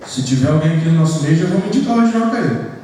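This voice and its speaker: A Brazilian pastor preaches an earnest sermon to his congregation, calling them "queridos," in a high-leaning, expressive, mellow voice at a very fast pace. He's picked up from far off in an echoey church hall, with a little hiss or hum.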